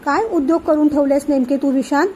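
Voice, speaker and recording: A woman's voice: high voice, fairly even intonation, quick pace, dark tone, a little hiss or hum, natural voice. A woman reading the part of a stern, angry middle-aged uncle who scolds impatiently. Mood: scolding.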